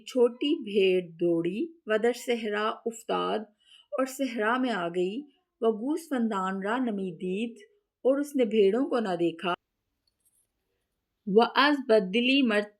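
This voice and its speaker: A woman teaching a lesson. She reads a text phrase by phrase, then translates and explains each one, often repeating and rephrasing. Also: mid-range voice.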